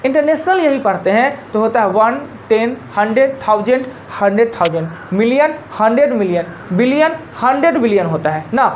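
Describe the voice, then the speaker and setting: A woman's voice: fairly high pitch, lively intonation, moderate pace, few pauses, a little hiss or hum. A woman teacher with a Bihari Hindi accent gives a live classroom lecture. She explains step by step, counting digits aloud and repeating her key points.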